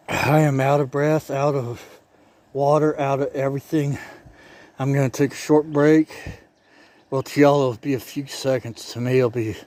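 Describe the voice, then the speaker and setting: A man narrating his own project vlog outdoors in a casual, halting way, thinking aloud as he works. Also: mid-range voice, darkish tone, no echo. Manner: chatty and halting, thinking aloud while working. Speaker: DIY vlogger. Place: outdoors by a driveway.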